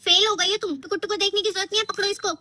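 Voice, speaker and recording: A woman's voice: very high voice, fairly even intonation, rapid-fire, music in the background. A woman playing a strict, scolding teacher and mother in a comic skit. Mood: stern. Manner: scolding, bossy.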